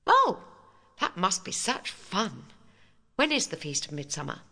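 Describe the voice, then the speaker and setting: A woman's voice: fairly low pitch, wildly swooping pitch, unhurried, bright, forceful tone, big-room sound, pitched above the performer's own voice, exaggerated voice. A woman doing an eager little mushroom girl.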